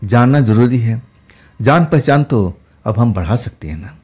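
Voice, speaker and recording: A man voicing a kind, fearless young female ghost who talks softly and familiarly. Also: mid-range voice, animated, measured pace, slightly rough. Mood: gently familiar. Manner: soft, familiar, using intimate address.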